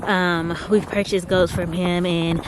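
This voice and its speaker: A woman's voice: lowish voice, little pitch movement, slow pace, noisy background. A woman homesteader chatting casually in a vlog, out of breath and rambling with lots of filler words as she talks outdoors on her farm in the cold. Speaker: homesteader vlogger.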